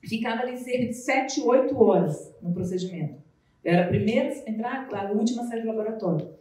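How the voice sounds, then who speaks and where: A Brazilian woman from Minas Gerais with a Mineiro accent, giving an animated, chatty motivational talk as a nutritionist, with playful asides. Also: on the high side, fast. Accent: Mineiro Brazilian Portuguese. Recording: very echoey room, voice far from the mic.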